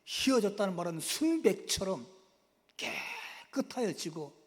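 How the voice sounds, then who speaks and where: Korean pastor preaching with big swings. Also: male voice, high voice, very animated, a little slow, long reverb tail. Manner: dramatic swings from loud outbursts to near whispers. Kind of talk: sermon. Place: church sanctuary.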